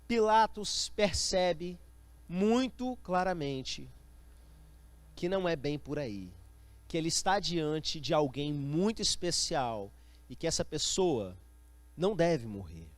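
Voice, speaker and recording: A man's voice: on the high side, lively intonation, slow. A male pastor with a Brazilian Portuguese accent, preaching an emphatic sermon and addressing listeners as brothers.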